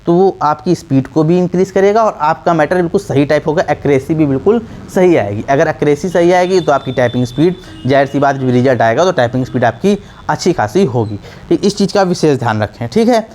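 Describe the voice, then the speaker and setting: A man's voice: on the high side, lively intonation, fast, a little mellow, slight background noise. A man teaching typing in a casual, repetitive way, full of fillers and restarts, often checking that the listener follows. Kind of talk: casual spoken tutorial.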